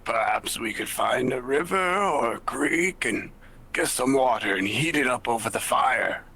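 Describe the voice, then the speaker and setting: A man's voice: medium pitch, expressive, measured pace, gravelly, bright, forceful tone, husky. A man playing a tabletop game, talking casually and partly in character.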